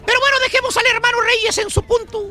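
A man's voice: very high-pitched, level tone, quick pace, very noisy. A man hosting a comic radio monologue, brash and teasing as he ribs his listeners and co-hosts. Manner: brash, teasing, calls listeners "caballo" and "perro". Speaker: radio comedy host.

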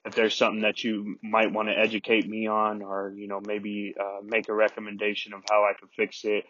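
A podcast host recording a halting solo apology inside a closet, full of "you know" fillers and restarts. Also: male voice, lowish voice, monotone, pushed and bright, highs cut off, a little hiss or hum.

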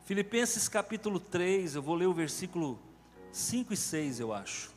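A pastor with a Brazilian Portuguese accent preaches an emphatic sermon to his congregation in a large church. His voice sits high and sing-song at a moderate pace. The hall is reverberant, with faint music.

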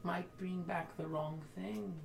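A creepy female fae oracle, as a woman puts her on in whispered role-play, low and gravelly, lingering over each slow, eerie phrase. Her voice rises and falls widely, and the noisy room around it sounds echoey. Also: fairly even intonation. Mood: ominous. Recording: roomy with background noise.

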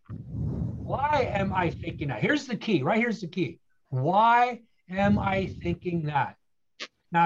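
A man with a high-pitched voice tells his story with earnest, motivational emphasis. He leans on rhetorical questions and repeats key phrases. The recording is dull and lo-fi. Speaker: guest speaker.

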